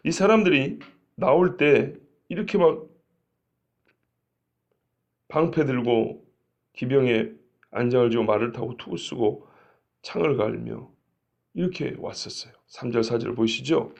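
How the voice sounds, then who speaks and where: Gravelly-voiced male pastor preaching. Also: mid-range voice, expressive, a little slow, pauses often. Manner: conversational, asks rhetorical questions. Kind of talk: expository Bible sermon.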